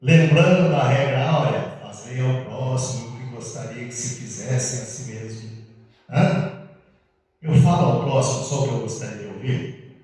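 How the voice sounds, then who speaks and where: A man's voice: medium pitch, moderate pace, darkish tone. A middle-aged man with a Brazilian Portuguese accent, giving a conversational talk at a spiritist center and often asking his listeners questions. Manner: conversational, asks the audience questions with frequent "né?". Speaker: spiritist speaker. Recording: echoey hall, voice far from the mic.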